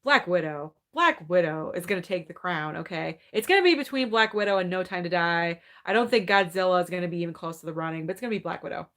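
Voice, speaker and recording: This movie channel host, a woman in her thirties, talks fast with hardly any pauses in a lowish, animated voice that's fairly bright. She's running a relaxed live Q&A about movies at home, reading comments from viewers and musing out loud in a chatty, upbeat way.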